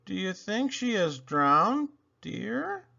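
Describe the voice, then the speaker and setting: Reading children's poems aloud for a channel, a man with a husky voice gives a theatrical, very animated performance with a bright, forceful tone. He takes his time, letting his pitch swing dramatically and using playful emphasis and pauses, on a slightly dull, lo-fi recording.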